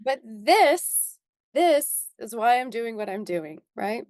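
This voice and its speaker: This young adult woman, a skincare founder appearing as an interview guest, shares a personal story in a slightly high, sing-song voice with a darkish tone. She speaks slowly and earnestly, uses lots of ums, and at moments sounds near tears. The recording has no room sound.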